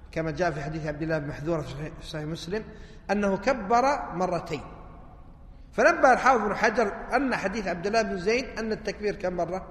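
A man with a fairly high, slightly bright voice teaches hadith texts, frequently stopping to pose a question to his listeners and then answering it himself. A long, roomy hall reverb surrounds the recording.

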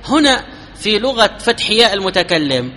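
A man giving a classical Arabic grammar lesson, explaining step by step, asking his students questions and drawing out each example phrase slowly. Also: high-pitched, big pitch swings, sharp tone, big-room sound, a little hiss or hum. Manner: slows down and drawls out example phrases.

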